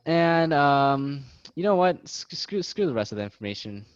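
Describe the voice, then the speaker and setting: A man's voice: on the high side, expressive, moderate pace, clean tone, dry recording. A young man leading a casual study session for classmates, joking and self-deprecating as he explains. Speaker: student tutor. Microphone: video call. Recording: dull lo-fi video call audio.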